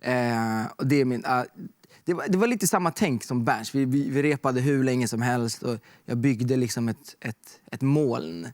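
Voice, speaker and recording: A young man talking as a guest, telling stories in a relaxed way with many fillers. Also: medium pitch, no echo, clean studio sound. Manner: relaxed storytelling with fillers like "liksom" and "typ". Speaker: guest artist. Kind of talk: casual chat.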